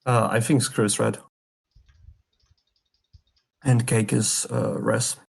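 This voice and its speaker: A man with a gravelly voice explains his reasoning slowly in an online game. He hesitates often and fills the gaps as he thinks. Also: mid-range voice, little pitch movement. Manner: hesitant, many filler pauses. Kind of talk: casual game chat.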